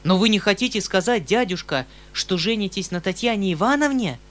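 A man's voice: a little high, expressive, measured pace, fairly bright tone. A man reading an audiobook, voicing an earnest young nephew who protests in alarm.

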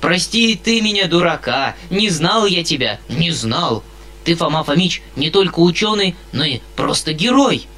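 A male reader voicing a fat, blustering country landowner who talks loudly and folksily. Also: fairly high pitch, sing-song, normal speed, voice pushed up. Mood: effusive. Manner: boisterous, folksy.

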